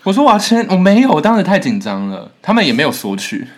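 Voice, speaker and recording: A man's voice: fairly high pitch, fast talker. A young man co-hosting a podcast, chatting casually and telling stories with lots of laughter. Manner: animated storytelling, laughs often. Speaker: podcast co-host, singer-songwriter. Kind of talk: casual chat.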